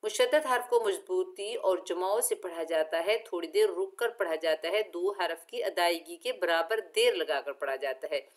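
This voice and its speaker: A woman teaching Quran recitation with tajweed, patiently explaining each letter and then chanting each word slowly and drawn out. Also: on the low side. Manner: patient, methodical instruction. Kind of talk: slow step-by-step recitation lesson.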